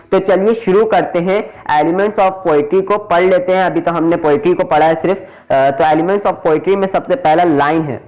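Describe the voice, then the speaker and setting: A male teacher talks in an unhurried, careful way and his voice sits a little high. He explains each term in two languages and counts syllables one by one. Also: a little mellow, low-quality recording. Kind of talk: explanatory lesson.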